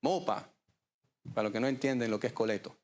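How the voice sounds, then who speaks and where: A man, preaching a sermon as pastor, with dramatic pauses. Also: mid-range voice. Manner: preaching with dramatic pauses, acting out voices in stories.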